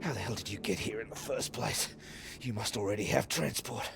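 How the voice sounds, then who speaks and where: An actor playing a combative, sweary man with a gravelly voice, over loud game music. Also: fairly low pitch, a little fast. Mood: tense. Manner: combative, sweary, shouting at times. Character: hostile, swearing British man holed up at a plane. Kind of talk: video game voice acting.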